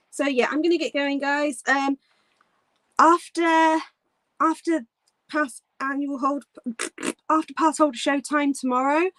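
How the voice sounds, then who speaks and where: A woman's voice: sits high, a bit bright, no echo. A woman casually chatting on a livestream from her bedroom at home, rambling with frequent ums and restarts. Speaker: livestream host.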